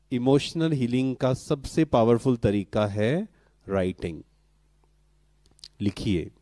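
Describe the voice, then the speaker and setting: A middle-aged man giving a spiritual talk to a live audience, calm and questioning, who keeps asking the audience to answer and mixes in English words. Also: mid-range voice, dry recording. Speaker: spiritual speaker.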